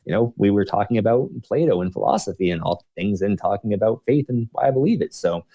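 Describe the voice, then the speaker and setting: A man with a fairly low, mellow voice telling personal stories in a loose, rambling way. He is full of "like" and "um" and often stops to restart a thought. He sounds like he is chatting in a live audio discussion. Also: expressive, fast. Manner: rambling, many fillers and restarts.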